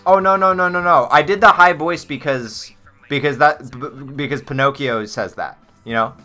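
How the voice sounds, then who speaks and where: A man's voice: a little high, normal speed, bright, forceful tone, soft background music. A man hosting a casual game livestream, talking to chat in a playful, chatty, goofy way. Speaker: streamer.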